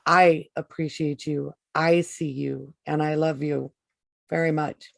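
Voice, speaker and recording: Slow, deep-voiced woman host. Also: fairly even intonation, vocal fry, no echo. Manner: slow, gentle, affirming. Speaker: podcast host. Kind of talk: interview hosting.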